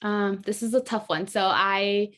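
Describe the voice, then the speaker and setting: A woman's voice: mid-range voice, fairly even intonation, a little slow, fairly bright tone. A woman in her twenties, originally from Colombia and raised in South Florida, answering interview questions in a modest, reflective way. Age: 20s. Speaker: guest, graduate student.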